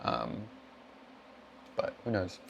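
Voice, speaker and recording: A man streamer with a hoarse voice and a cough, rambling in upbeat, self-deprecating chat as he wraps up a racing stream from his home gaming setup. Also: very slow, lo-fi sound, a little hiss or hum. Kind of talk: casual end-of-stream chat.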